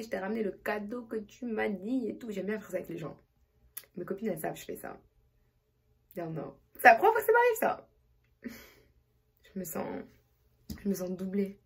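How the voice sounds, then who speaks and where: A young woman in her twenties vlogging casually, talking to her viewers in a loose, slangy, rambling way. Her voice is strongly breathy and husky, sitting at an ordinary middle pitch. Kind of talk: casual vlog chat.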